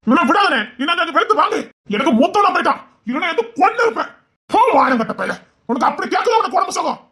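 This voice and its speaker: An actress playing an angry sibling who scolds a cheating brother with contemptuous, rapid-fire questions, in serial drama style. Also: female voice, very high voice, big pitch swings, sharp tone, exaggerated voice. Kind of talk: Tamil serial drama acting.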